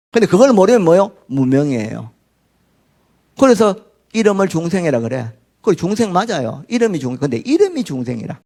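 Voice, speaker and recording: A Buddhist monk with a Gyeongsang Korean accent giving a sermon, asking the listeners questions and acting out the voices he quotes. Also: on the high side. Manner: animated, asks rhetorical questions and acts out quoted voices.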